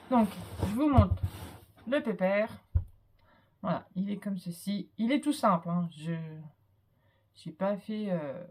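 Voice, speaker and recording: Speaking in a mid-range, slightly mellow voice, a woman with a cold shows off a handmade album in a casual show-and-tell. She sounds hesitant, filling her speech with fillers and little "hop" interjections.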